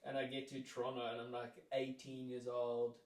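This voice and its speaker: A man's voice: mid-range voice, monotone, a little fast, darkish tone. Rambling young man telling a story. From South Africa. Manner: rambling, lots of "like" fillers, acts out quoted lines. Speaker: interview guest. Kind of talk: casual storytelling. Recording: roomy echo, mic at a distance.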